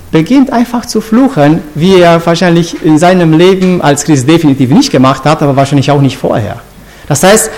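Lively high-voiced man teaching scripture. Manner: asks the listeners questions, restarts often. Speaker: preacher. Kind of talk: informal Bible teaching.

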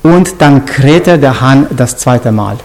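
A man's voice: medium pitch, lively intonation, takes it slowly, darkish tone, a little hiss or hum. A man preaching an informal Bible lesson, asking his listeners questions and restarting his sentences often.

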